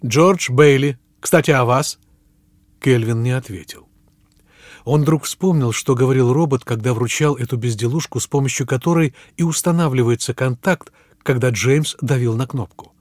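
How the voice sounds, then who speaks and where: A man narrates an audiobook at a measured pace, letting his voice sink low at the ends of phrases. His pitch sits in the middle for a man. The recording is close and dry, with no room sound. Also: a little mellow, dry recording. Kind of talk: scripted narration.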